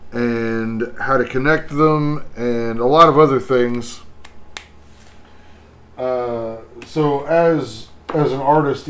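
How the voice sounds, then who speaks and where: A man's voice: mid-range voice, fairly bright tone. A middle-aged man hosting a casual livestream, talking bluntly and rambling about making art. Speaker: livestream host, artist.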